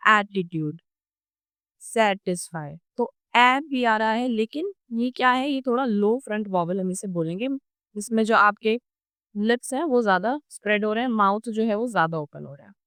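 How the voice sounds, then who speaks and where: A woman's voice: a bit bright, smooth, no echo, studio quality. A young Indian woman with an Indian accent giving a patient, step-by-step lecture as an online tutor. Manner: patient, explains step by step and drops her pitch on example words. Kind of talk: explanatory lecture.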